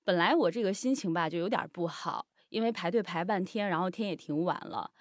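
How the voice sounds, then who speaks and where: A woman telling her own story on a radio show, lively, blunt and outspoken. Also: fairly low pitch, fairly quick, dry recording, studio quality.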